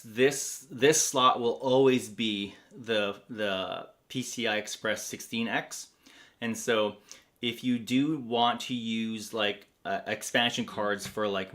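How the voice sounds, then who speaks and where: A man's voice: fairly low pitch, pushed and bright. A man hosting a livestream in a casual, rambling way, full of fillers, reading viewer comments aloud. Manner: rambling, many fillers, reads chat aloud. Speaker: livestream host.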